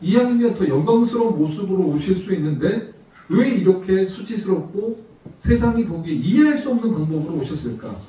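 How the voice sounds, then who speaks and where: High-voiced man preaching in an echoey church. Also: animated, a little fast, warm tone. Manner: storytelling, asks the congregation rhetorical questions. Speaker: missionary guest preacher. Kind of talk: sermon. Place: church sanctuary. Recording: echoey church hall from far off.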